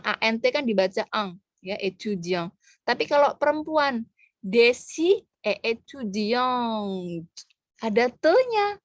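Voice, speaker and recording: A woman's voice: fairly high pitch, no echo, lo-fi sound. A woman teaching French pronunciation in an online lesson, patiently breaking words into syllables.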